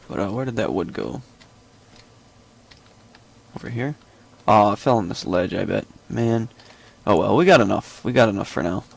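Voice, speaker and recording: A man's voice: lowish voice, vocal fry. A young man casually commenting as he plays a video game, thinking aloud with lots of fillers and small joking asides. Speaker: gameplay commentator. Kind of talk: casual let's-play commentary.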